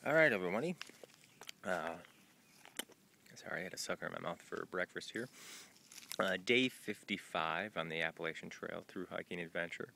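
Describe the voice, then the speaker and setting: A man's voice: sits low, gravelly, bright, forceful tone. A man filming an outdoor vlog at a trail shelter on a long hike, talking loosely with many fillers. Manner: rambling and informal, with many "uh" and "um" fillers. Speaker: thru-hiker vlogging his trail day.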